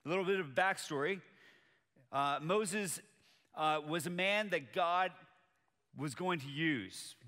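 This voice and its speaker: A man's voice: on the high side, slow pace, pauses often, bright, forceful tone. A man from Colombia whose first language is Spanish, preaching a sermon as pastor in a conversational, personal way before a church audience. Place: church auditorium with live audience. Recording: long hall reverb.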